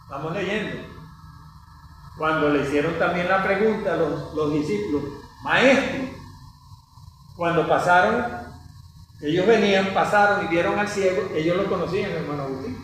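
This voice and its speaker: A man retells scripture as a story in a relaxed teaching chat, often turning to his co-host for agreement. His voice sits high for a man. The sound is very echoey and a little distant, with a faint hiss behind it. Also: normal speed, long pauses. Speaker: Bible study host. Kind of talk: conversational Bible teaching.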